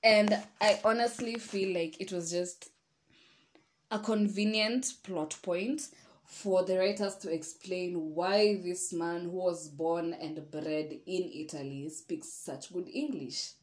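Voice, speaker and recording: A woman's voice: on the low side, fairly even intonation, slow pace. A woman hosting a solo podcast, giving a frank, rambling review with sighs and asides. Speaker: podcast host. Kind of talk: casual solo review monologue. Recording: echoey room.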